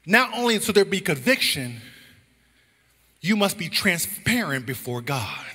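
A man preaching a sermon as pastor, shifting between slow emphatic lines and rising shouts with sung phrases, recorded in a church sanctuary. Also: high voice, very animated, breathy edge. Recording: church hall reverb.

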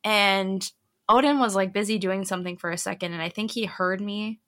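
A woman's voice: medium pitch, moderate pace. A young woman co-hosting a casual podcast, telling stories animatedly and acting out her children's voices. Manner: animated storyteller, acts out her kids' voices. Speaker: podcast co-host. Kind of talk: casual chat, storytelling.

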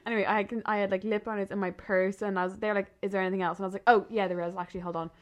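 Fast-talking young Irish woman. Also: medium pitch, level tone. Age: 20s. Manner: laughing, rambling storyteller. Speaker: podcast co-host. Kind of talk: casual chat.

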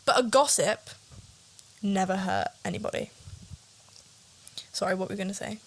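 A woman's voice: mid-range voice, normal speed, gravelly. Nervous rambling young woman podcaster. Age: young adult. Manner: rambling, self-conscious, chatty. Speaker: podcast co-host. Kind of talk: casual chat.

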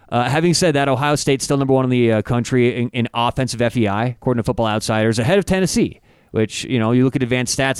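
A man talks through college football betting picks in a relaxed, analytical way, piling up advanced stats. His voice is smooth and clean, recorded dry and close with no room sound. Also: mid-range voice, no echo. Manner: stat-heavy, halting with restarts. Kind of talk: casual analytical sports chat.

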